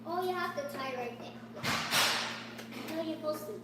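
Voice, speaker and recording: A person with a high voice talking in a slow, halting, playful way during a casual family chat. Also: female voice. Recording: very echoey, distant, loud background noise.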